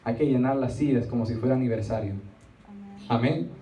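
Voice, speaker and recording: A middle-aged man of medium pitch gives an emphatic, repetitive Spanish sermon, stretching key words, pausing for the congregation and slipping in acted asides. The audio is dull, taken from the seats as he uses a handheld mic in a small indoor church meeting room. It sounds roomy and distant, with a little background noise.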